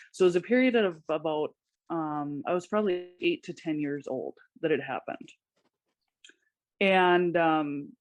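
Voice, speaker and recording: A woman guest on a podcast, giving personal testimony in a halting way, with many pauses and restarts. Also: deep voice, no echo.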